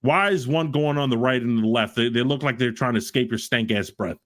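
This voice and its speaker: A man hosting a stream, loudly mocking and trash-talking another caller, repeating his insults. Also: medium pitch, brisk. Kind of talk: heated trash talk on a live stream.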